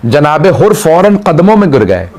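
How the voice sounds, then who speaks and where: A male cleric telling a martyrdom story in an emotional mourning sermon, his delivery climbing into drawn-out wailing cries and closing in chanted prayer. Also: fairly high pitch, sing-song, darkish tone.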